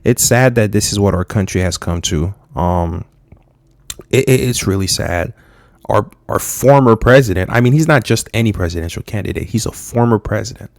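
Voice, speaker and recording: A young man from Haiti giving frank, halting political commentary, with many fillers and restarts. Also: lowish voice, gravelly, dry recording, studio quality. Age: young adult.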